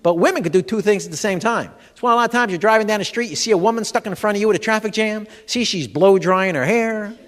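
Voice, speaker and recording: Here a comedian who also teaches humor speaks in a high pitch, fast and with hardly any pauses. His stand-up set in a large expo hall is full of animated stories, acted-out lines, and direct audience address, while the hall's reverb rings long.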